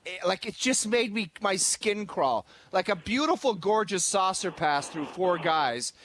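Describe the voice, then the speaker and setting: A man's voice: high-pitched, lively intonation, unhurried, fairly bright tone, dry recording. A man hosting sports radio, ranting in casual chat and putting on mocking voices of players and coaches.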